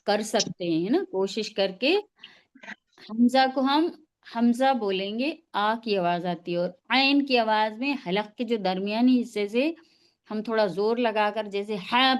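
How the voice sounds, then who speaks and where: A woman's voice: medium pitch, clean tone. A woman teaching pronunciation in an online class over a video call, patiently modelling each sound for her students to repeat. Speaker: tajweed teacher.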